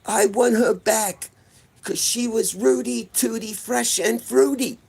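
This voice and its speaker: A man putting on a high, whiny voice as his teenage self, pestering a phone operator in a sing-song way. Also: slow, creaky, darkish tone, husky, heavily acted. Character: bratty teen boy pestering a phone operator.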